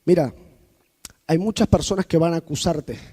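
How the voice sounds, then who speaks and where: A man preaching a sermon, telling personal stories to the congregation and swinging between loud outbursts and quiet asides. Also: fairly high pitch, moderate pace, breathy edge. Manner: personal storytelling addressed to the congregation.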